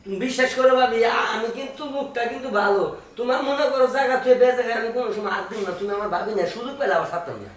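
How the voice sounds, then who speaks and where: A woman's voice: on the high side, rapid-fire, natural voice. A woman playing a wheedling young brother-in-law. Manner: wheedling, pleading. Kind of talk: comic village skit acting. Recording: echoey room from far off, faint hiss.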